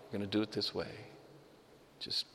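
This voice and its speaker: A man voicing a calm, weary old male prophet who speaks in a hushed, soothing way. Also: lowish voice, moderate pace, long reverb tail, slight background noise, voice pushed down. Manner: hushed, soothing, matter-of-fact.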